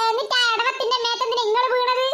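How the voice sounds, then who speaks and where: A hot-tempered cartoon wife, voiced by a woman who nags and scolds. She speaks in a very high, bright voice. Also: flat delivery, fast talker, slight background noise. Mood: scolding. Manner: nagging, scolding. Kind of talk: cartoon voice acting.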